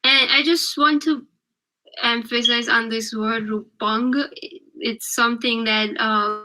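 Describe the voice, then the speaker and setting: Slow, bright-voiced woman teaching online. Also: fairly high pitch, rough recording. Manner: patient, keeps checking with "right?". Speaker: religious class teacher. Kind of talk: online children's lesson. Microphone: video call.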